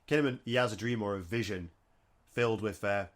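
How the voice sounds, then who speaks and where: A man co-hosting a casual film discussion podcast, explaining production details in a relaxed way. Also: on the low side, fairly quick. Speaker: podcast co-host.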